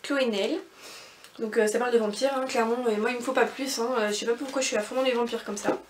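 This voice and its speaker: A young woman rambles cheerfully through a casual book haul, her speech full of fillers and restarts. Her voice sits on the high side. She sounds set back from the mic in a room with a lot of echo. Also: fairly even intonation, very fast, slight background noise. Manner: chatty, rambling, many fillers. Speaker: book vlogger. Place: bedroom with bookshelf and mirror. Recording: echoey room, from far off the mic.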